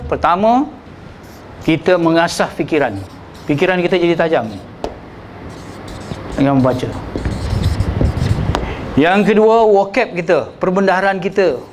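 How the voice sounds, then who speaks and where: A man with a Malaysian Malay accent teaches a room of students in a relaxed lecture. His voice sits fairly high, and he keeps checking that people follow. A faint hiss runs under the recording. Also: rough recording. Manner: conversational, acts out examples, checks understanding with "ya". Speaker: religious teacher leading a sermon-writing workshop. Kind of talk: workshop lecture.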